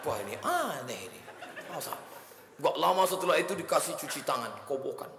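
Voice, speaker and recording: A man preaching a sermon in a lively storytelling way, with humor and chanted Arabic phrases. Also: on the high side, fairly quick, background noise. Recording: echoey hall.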